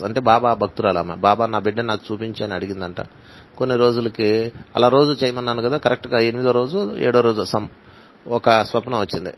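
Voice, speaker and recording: A man's voice: mid-range voice, poor audio. A man teaching in a spiritual talk, telling stories and acting out the dialogue, with English phrases mixed into his speech. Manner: storytelling, acts out dialogue, mixes in English phrases.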